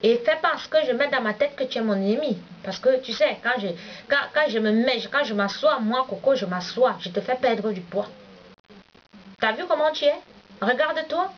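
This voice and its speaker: Woman, 30s, heated scolding monologue, fairly high voice, dull lo-fi sound with faint hiss. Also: animated, normal speed. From Cameroon. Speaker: vlogger. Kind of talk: confrontational monologue addressed to a rival.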